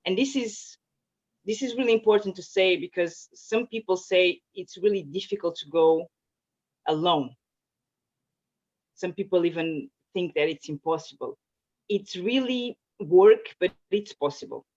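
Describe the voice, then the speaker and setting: Interviewed at her home in Zurich, a Portuguese woman who speaks Portuguese natively replies casually and hesitantly, full of fillers and false starts. Her voice is lowish and darkish in tone, at a measured pace, and the recording sounds muffled and low-fidelity.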